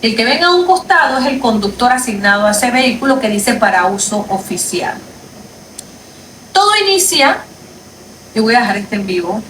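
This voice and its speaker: A woman's voice: fairly high pitch, fairly bright tone. A woman lawyer, making an indignant, emphatic livestream statement from a street at night, repeating her points. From Panama. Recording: echoey, distant from the mic, faint background noise.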